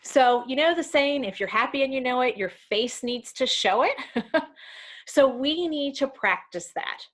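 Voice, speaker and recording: A woman's voice: high voice, lively intonation, measured pace. A woman leading a virtual workplace training, talking casually with ums and self-corrections as she walks through slides. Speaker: community education trainer. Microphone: video call.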